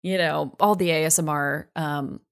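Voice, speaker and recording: A woman guest on a podcast, joking in a deadpan, mock-grand way with many hesitations. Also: low-pitched, moderate pace, clear, resonant tone. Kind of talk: casual chat.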